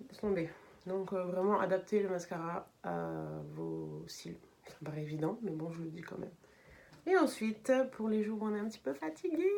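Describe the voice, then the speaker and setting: A young woman talks through her everyday makeup routine in a relaxed vlog. Her voice sits at an ordinary middle pitch, and she explains each step in a chatty way, pausing on small fillers as she goes. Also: slight background noise. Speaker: beauty vlogger. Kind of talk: casual makeup tutorial.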